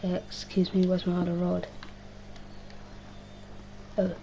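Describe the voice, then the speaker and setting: Her fairly low, mellow voice stays completely flat and slow as this young woman livestreams a game, rambling in slang, swearing and talking to herself. She sounds strained and worn out, and the low-quality recording carries a little hiss or hum.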